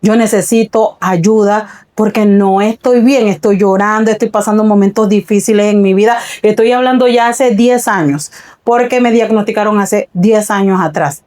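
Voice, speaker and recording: A woman's voice: mid-range voice, normal speed, darkish tone. A woman pastor giving an earnest, reflective personal testimony in a faith podcast conversation, often repeating her words.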